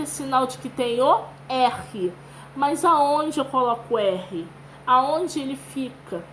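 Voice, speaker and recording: A woman's voice: sits high, slight background noise, rough recording. A woman with a Brazilian Portuguese accent teaching young children, reading aloud and sounding out syllables patiently. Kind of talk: children's lesson with read-aloud.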